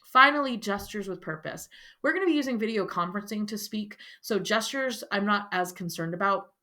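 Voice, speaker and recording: A woman's voice: medium pitch, fairly quick, pushed and bright. A woman teacher giving a firm, instructive lecture to her students. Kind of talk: classroom lecture.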